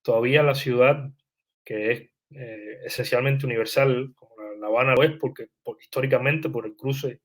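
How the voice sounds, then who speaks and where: A man's voice: mid-range voice, normal speed. A young man, a writer answering interview questions in a thoughtful, hesitant way, with frequent restarts and fillers. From Cuba.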